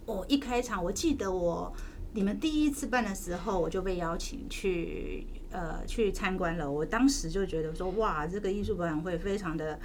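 A woman's voice: lowish voice, moderate pace, a little mellow, a little hiss or hum. A woman with a Taiwanese accent hosting an interview show in a chatty, conversational way full of interjections. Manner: chatty, uses many interjections. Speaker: podcast host, magazine editor-in-chief.

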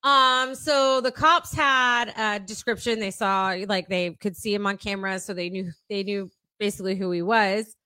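A woman's voice: mid-range voice, moderate pace, few pauses, pushed and bright, clean tone, dry recording, low-quality recording. A woman co-hosting a podcast, telling strange news stories in a loose, joking way, laughing often and swearing freely. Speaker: podcast co-host. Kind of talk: casual chat.

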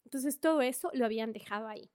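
A woman, a podcast guest telling a travel story in a chatty, animated way with many fillers. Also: fairly high pitch, fast talker, dry recording, clean studio sound. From Ecuador. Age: 20s. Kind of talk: casual storytelling in conversation.

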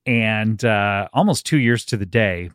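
A man's voice: on the low side, unhurried, a bit bright, clean tone, no echo, clean studio sound. A man co-hosting a podcast in casual, comedic banter with an informal, bantering manner. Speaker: podcast host.

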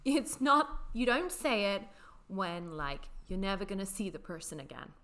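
A woman's voice: mid-range voice, very animated, moderate pace, sharp tone. A British woman co-hosting a podcast in casual chat, wry and prone to quoting people in mock voices. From Britain. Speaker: podcast co-host.

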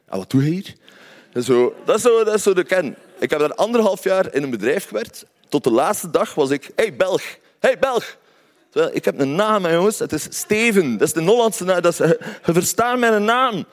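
Lively Flemish man telling a story. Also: high-pitched, a little fast, hardly any pauses. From Belgium, Ghent. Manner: conversational, wry asides to listeners. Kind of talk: personal storytelling.

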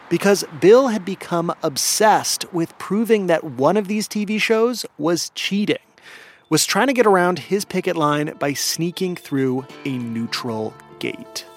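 A man's voice: a little high, unhurried, slight background noise. A man hosting a radio show, narrating a story in a scripted, storytelling way. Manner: lively, storytelling delivery.

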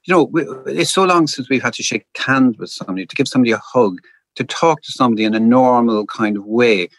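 A man's voice: mid-range voice, fast talker, no echo. A man who is a doctor, answering interview questions in a hesitant way, with many "uh"s and repeated words. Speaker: doctor, podcast guest.

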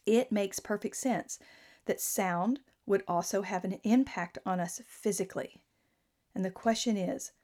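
A woman's voice: medium pitch, darkish tone. A woman giving an inspirational talk in an earnest, conversational way. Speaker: speaker.

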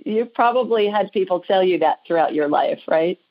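A woman hosting a call-in psychic show speaks with an American accent in a voice on the low side, animated and at a moderate pace. Her readings are conversational, chatty, informal, and reassuring, and the recording is dull and lo-fi.

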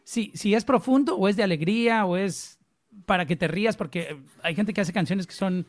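A man's voice: high-pitched, moderate pace, no echo. A man from Colombia with a Colombian accent, hosting a podcast interview in an enthusiastic, casual way with frequent small restarts. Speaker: podcast host.

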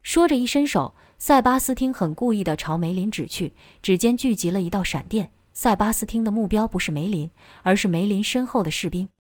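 A woman narrating a novel chapter as an audiobook in steady, even storytelling. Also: medium pitch, brisk, few pauses, no echo, studio quality.

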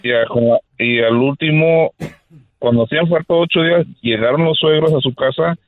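A man's voice: a little high, normal speed, no room sound. A man calling in to a radio show, telling a story hesitantly and repeating himself. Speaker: caller. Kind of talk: call-in story over phone. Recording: dry tinny phone line.

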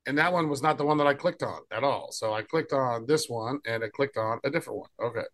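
A podcast co-host with a medium-pitched voice talks fast, chatting loosely while demoing tools. He often trails off and starts his sentences over.

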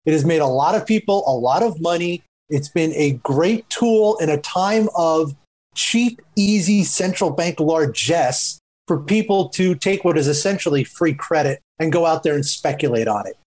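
A man, a journalist, speaking thoughtfully on a panel discussion, often pausing with asides. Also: fairly high pitch, a little mellow, poor audio. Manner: reflective, hedging with asides. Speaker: journalist guest.

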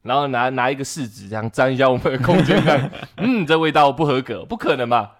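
Fast, swearing man, lively. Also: mid-range voice. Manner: animated, heavy swearing, acts out other people's voices. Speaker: co-host telling a story. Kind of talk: casual podcast chat.

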